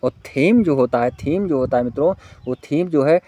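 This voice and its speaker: Man slowly reading out exam questions. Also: on the high side, mellow, no echo. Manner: explains in Hindi, slowly reads out English questions word by word; keeps addressing listeners as friends. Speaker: teacher. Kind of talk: exam-prep lecture.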